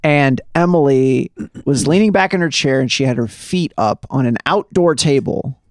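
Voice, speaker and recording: A man's voice: medium pitch, moderate pace, no room sound, clean studio sound. A man from the United States co-hosting a casual gaming podcast, telling stories in a wry, laid-back way. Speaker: podcast co-host. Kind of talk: casual storytelling chat.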